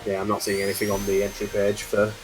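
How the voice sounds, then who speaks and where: A man with a fairly low voice chats casually on a game stream, pausing to think aloud and swearing offhandedly. Game music plays clearly behind him. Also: monotone. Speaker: co-host on a live game stream. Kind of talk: casual chat over gameplay.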